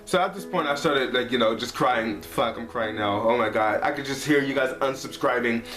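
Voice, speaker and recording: This is a young man in his twenties, a vlogger, casually recounting something personal to camera in his apartment, peppering it with "like" and "you know." His voice is medium-pitched, fairly bright and fairly quick. The audio has room echo and faint background music.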